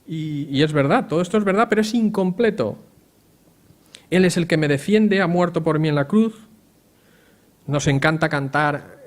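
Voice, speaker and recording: A man from preaching a conversational sermon, often asking the congregation questions. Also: on the high side. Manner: chatty, asks the congregation questions.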